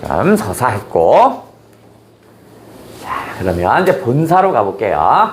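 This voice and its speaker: A man's voice: mid-range voice, huge pitch swings, slow pace, background noise. A man teaching a literature class in a playful, colloquial way with blunt slang. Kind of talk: classroom lecture.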